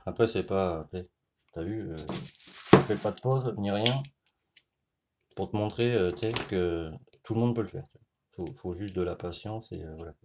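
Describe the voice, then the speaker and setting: Over background noise comes the deep voice of a motorcycle mechanic with a French accent. He's doing an informal repair tutorial, explaining as he works and speaking right to the viewer, punctuated often by "tu vois." His talk has pauses and restarts.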